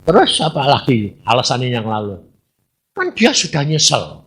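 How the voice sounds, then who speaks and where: Lively, chatty male preacher. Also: medium pitch, normal speed, husky. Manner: lively, chatty, teasing, acts out dialogues. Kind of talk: sermon.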